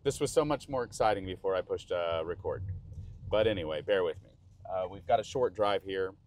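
A man's voice: sits low, fairly quick, darkish tone. A man with a Texan accent giving rambling, chatty commentary while driving a car in the rain, recorded on an action camera mounted inside. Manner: chatty, rambling, self-interrupting. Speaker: vlogger.

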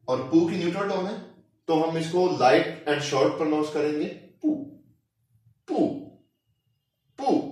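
A man teaching Chinese tones, talking slowly and deliberately and repeating each syllable for practice. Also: on the high side. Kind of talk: recorded language lecture. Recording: very echoey room, mic far off.

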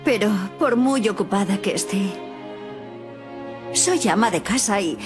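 A woman voicing a harried, quick-tempered but loving housewife mother in a cartoon dub, with a Castilian Spanish accent, given to scolding and calling out her child's name. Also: mid-range voice, expressive, over music, close to an everyday voice. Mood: calm, kindly. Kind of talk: animated cartoon dub acting.

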